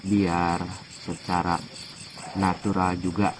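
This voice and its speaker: A man casually recounting what he has seen, in halting short phrases, outdoors at night. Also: sits low, level tone. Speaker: local witness being interviewed. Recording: clear insect noise, outdoors at night.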